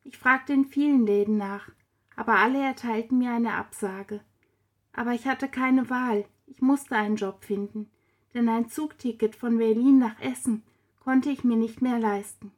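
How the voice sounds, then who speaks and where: A woman narrating a story aloud with steady, even delivery. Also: a little high, normal speed. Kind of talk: storybook reading.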